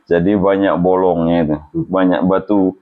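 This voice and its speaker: A man's voice: low-pitched, level tone, moderate pace. A man, a therapist chatting during a hands-on treatment, joking and reassuring with frequent religious exclamations. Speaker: healing therapist. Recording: lo-fi, phone-like sound.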